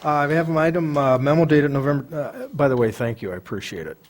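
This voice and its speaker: A man giving reports at a city council meeting. He speaks haltingly, with many fillers. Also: on the high side. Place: council chamber.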